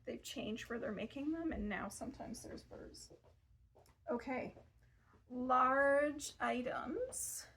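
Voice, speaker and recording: A woman in her thirties with a high, slightly bright voice talks slowly as she shows off gift ideas in front of the shelves of a fabric shop. It's a casual product showcase, chatty and self-deprecating, full of offhand asides, with a little background noise.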